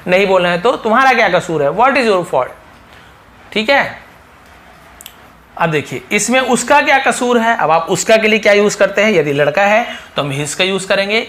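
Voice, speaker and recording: A man's voice: high-pitched, fairly bright tone. A man teaching spoken English in a casual lesson, repeating each phrase and asking rhetorical questions.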